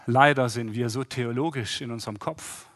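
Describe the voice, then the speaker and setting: A man's voice: medium pitch, steady tone, moderate pace, fairly bright tone, dry recording. A man preaching an interactive sermon, often asking the congregation questions and acting out the voices he quotes.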